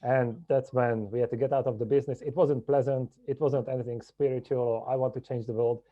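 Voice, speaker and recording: A man from Hungary, a podcast guest telling his story in a measured, reflective way. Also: medium pitch, fairly even intonation, dull audio. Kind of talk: podcast interview.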